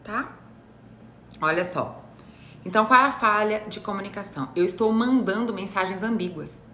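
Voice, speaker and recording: A woman's voice: mid-range voice, moderate pace, bright, forceful tone. A woman psychologist with a Brazilian Portuguese accent gives a live explanatory talk, teacherly and often checking that her listeners follow. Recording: roomy echo with faint noise.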